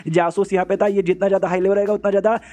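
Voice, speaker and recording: A man narrates an animated series recap at a brisk clip, his voice set high but with a mellow, warm tone. He talks in a loose, slangy way and tosses in short lines for the characters as he goes. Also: dull audio. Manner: fast, slangy, quotes characters in quick asides. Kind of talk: casual storytelling recap.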